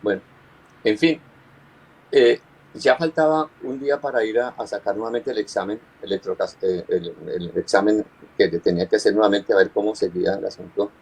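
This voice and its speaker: Pastor guy telling his testimony, kinda husky low voice, earnest, stumbles and repeats himself. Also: poor audio. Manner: earnest, halting, repeats words while recounting. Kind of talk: personal testimony in conversation.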